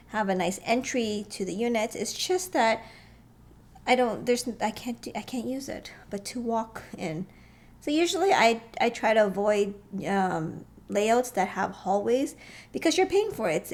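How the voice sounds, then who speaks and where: A woman with a fairly high voice talks through floor plans in a loose, conversational way. She thinks aloud with frequent pauses and small chuckles. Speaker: real estate vlogger. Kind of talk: casual walkthrough commentary.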